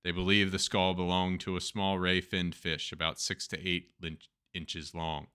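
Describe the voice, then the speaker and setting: A man's voice: low voice, flat delivery, normal speed, bright, forceful tone, smooth. A man with a Turkish accent who hosts a show, reading news stories aloud and adding chatty, joking asides. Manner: reads text then adds chatty, joking asides. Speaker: host.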